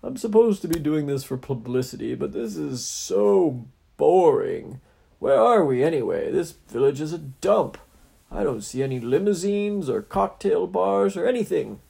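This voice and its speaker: A man's voice: on the high side, big pitch swings, normal speed, gravelly, warm tone, husky, pitched above the performer's own voice, exaggerated voice. Captain Nugget, a man doing a whiny cowardly hero. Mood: bored. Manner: whiny, stammering, nervous. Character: cowardly whiny adult male TV superhero.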